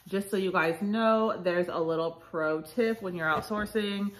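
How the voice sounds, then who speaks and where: A woman's voice: medium pitch, unhurried. A woman in her thirties, congested and sniffly, talking chattily through a clothing resale haul with lots of fillers and asides. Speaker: reseller vlogger. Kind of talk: casual haul vlog.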